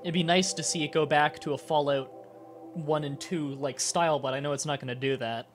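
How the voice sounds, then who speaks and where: A man with a fairly high voice streams live, congested and nasal with a strip across his nose. He talks casually to his viewers in halting stretches, short of breath, with music playing along. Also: steady tone. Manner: halting, with pauses to breathe and throat clearing. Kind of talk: casual livestream chat to viewers.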